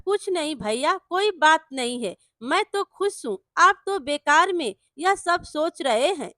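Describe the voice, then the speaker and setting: A woman voicing a sad, anxious young village wife in a storybook tale, speaking softly and downcast. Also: sits high, animated, measured pace, no room sound, studio quality, full character voice. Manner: soft, downcast.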